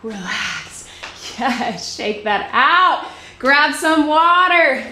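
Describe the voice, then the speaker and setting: A woman's voice: high voice, lively intonation, extremely slow, sharp tone, echoey room, a little hiss or hum. A young woman leading a live bodyweight workout as fitness instructor, calling out cues while exercising along and a little out of breath.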